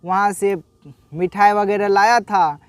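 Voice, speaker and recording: A man with a high-pitched voice narrates a devotional folk story at a slow, halting pace. He voices the characters' quoted lines as he goes. The sound is dry and close. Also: flat delivery, smooth, no room sound. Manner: unhurried, halting retelling with restarts and acted quotes. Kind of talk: casual spoken religious story.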